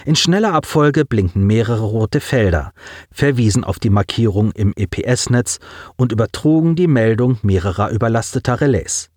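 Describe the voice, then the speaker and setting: A man's voice: medium pitch, lively intonation, normal speed, darkish tone, dry recording, studio quality. A man reading a science-fiction audiobook with dramatic narration.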